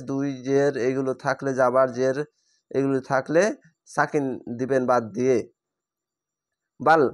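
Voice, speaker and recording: A man teaching Quran reading, patiently spelling out each word letter by letter and slowly stretching the recited syllables. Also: medium pitch. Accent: Bangladeshi Bengali. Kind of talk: step-by-step spelling lesson.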